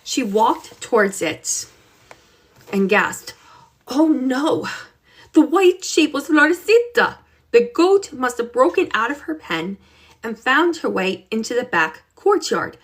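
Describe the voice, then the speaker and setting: A woman reading a children's chapter book aloud with expressive, unhurried storytelling. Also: fairly high pitch. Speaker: reader.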